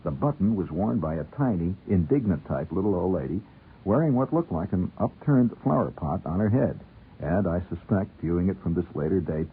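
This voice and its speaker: On an old, muffled, narrow-band radio recording, a middle-aged American host spins a comic story in a deep, husky voice. He speaks conversationally, with a wry, theatrical flair that delights in fancy wording.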